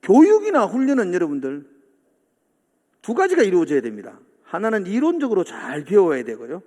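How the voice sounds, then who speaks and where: A man's voice: sits high, huge pitch swings, fairly quick, dark tone. A male pastor, preaching a sermon in a church sanctuary and acting out the disciples' complaints. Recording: long hall reverb.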